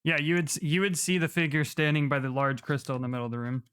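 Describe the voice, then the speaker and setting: Guy game mastering a fantasy tabletop session, clear smooth voice, dry sound, making up narration as he goes. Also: a little high, fast, fairly bright tone, no echo.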